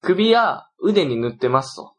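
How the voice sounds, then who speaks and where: A man's voice: high-pitched, very animated, unhurried. A young man with a Kansai accent, co-hosting a casual podcast, reading listener mail and teasing his partner. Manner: teasing, laughs often, reads letters aloud. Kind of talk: casual chat.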